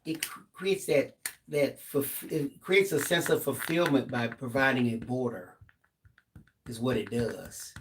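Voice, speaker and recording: A man with a mid-pitched voice co-hosts a live stream. He reads viewer comments aloud in a relaxed way and adds joking asides. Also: unhurried, a little hiss or hum. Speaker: co-host reading viewer comments. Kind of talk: live stream co-host chat.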